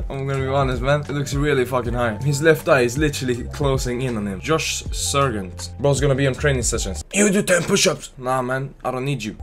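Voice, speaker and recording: A man at a middling pitch talks over his football game in loose, profane banter, mocking his players and grumbling at bad passes. He erupts into loud shouts whenever a goal goes in. Faint music plays underneath his voice. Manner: excitable, trash-talks players, shouts at goals. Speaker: gaming channel host. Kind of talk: casual profane gameplay commentary.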